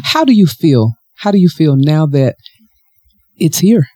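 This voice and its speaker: A man's voice: fairly high pitch, sing-song, measured pace, darkish tone. A man hosting an interview, enthusiastic and affirming, who also reads a passage aloud. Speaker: host. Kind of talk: casual interview and reading aloud.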